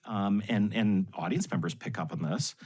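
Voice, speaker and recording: A man guesting on a podcast, telling anecdotes in an animated way and laughing often. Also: fairly low pitch, normal speed. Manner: animated storyteller with frequent laughs. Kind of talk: anecdotal storytelling in conversation.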